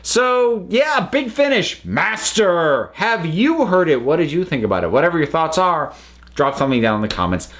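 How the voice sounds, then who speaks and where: This is an American man hosting his own channel, where he casually reviews audio dramas, wandering off-track and frequently restarting or self-correcting. His slightly high, a bit bright voice moves at a moderate pace, with large pitch swings.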